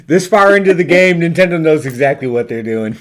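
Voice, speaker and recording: A woman hosting a podcast, chatting casually and laughing a lot. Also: a little fast. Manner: giggly, laughs often; lively, animated pitch swings. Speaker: podcast host. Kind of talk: casual chat.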